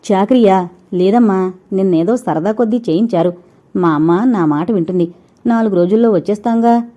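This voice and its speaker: A woman voicing a gentle, soft-spoken young wife caught between mother and husband, on a dull lo-fi recording. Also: medium pitch, normal speed, lightly acted. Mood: pleading.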